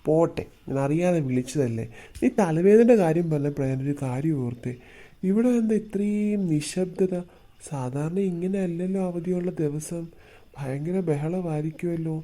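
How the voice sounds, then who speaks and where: A performer playing a mild, easygoing father who tries to calm his wife in a comedy skit. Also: medium pitch, moderate pace, natural voice. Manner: mild, coaxing, apologetic.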